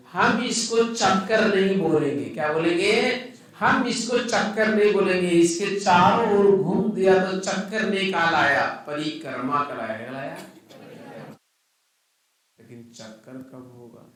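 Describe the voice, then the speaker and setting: Male maths teacher, somewhat high voice, asks the class and answers himself; echoey room. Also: fairly bright tone. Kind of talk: classroom lecture. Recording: echoey room, mic at a distance.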